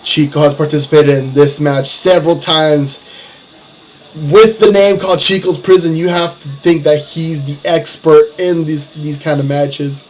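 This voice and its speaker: A man's voice: fairly high pitch, steady tone, a little slow, fairly bright tone, a little hiss or hum, poor audio. A man working as a lucha libre announcer, calling wrestling play-by-play in short, building phrases. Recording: music behind the commentary. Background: music.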